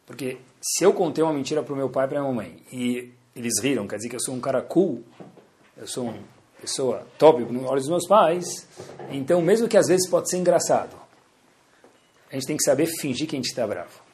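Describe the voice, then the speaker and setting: A rabbi teaching a Torah lesson with stories, lively, swinging between loud emphasis and soft asides, and acting out the dialogue. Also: male voice, medium pitch, fairly quick, a little hiss or hum. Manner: acts out dialogue in his stories.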